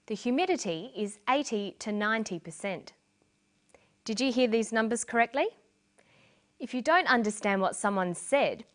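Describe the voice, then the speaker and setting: A woman from Australia, narrating an English lesson slowly and clearly, stressing key syllables for learners. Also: mid-range voice, fairly bright tone. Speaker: English teacher. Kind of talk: scripted language lesson narration.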